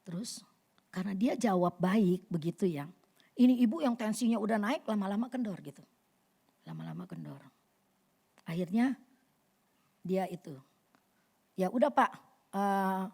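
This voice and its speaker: Middle-aged female preacher, animated storyteller, slightly high voice. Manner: lively storytelling, acts out voices with big pitch jumps. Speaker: women's fellowship speaker. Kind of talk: casual sermon with acted anecdotes.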